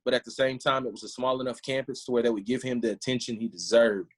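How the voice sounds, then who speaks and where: A man's voice: medium pitch, fairly even intonation, fast talker. A man who is a head football coach, a podcast guest telling stories in an easygoing, casual way. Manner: easygoing storyteller. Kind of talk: casual interview chat.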